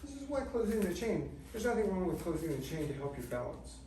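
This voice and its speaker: A middle-aged man giving measured, technical step-by-step exercise instruction in short phrases. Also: high-pitched, very animated, dark tone. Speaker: movement class instructor. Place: large indoor studio with treatment tables. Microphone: far camera microphone. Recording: distant mic, very echoey, noisy room.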